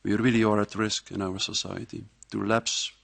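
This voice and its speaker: A man with a low voice and a gravelly edge talks to an audience like a professor giving a lecture. He is measured and reflective. The sound is dry and close. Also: flat delivery, fairly bright tone, no echo. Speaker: university professor giving a talk. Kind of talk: public speech at a presentation. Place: live event before an audience.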